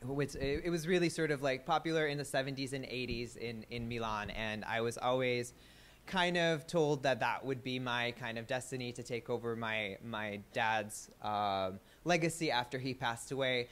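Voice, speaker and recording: On a conference stage, a slightly nervous speaker in his thirties jokes at his own expense, stumbling through fillers and restarts. He grew up in Italy but sounds American, with a medium-pitched, somewhat bright voice at a moderate pace.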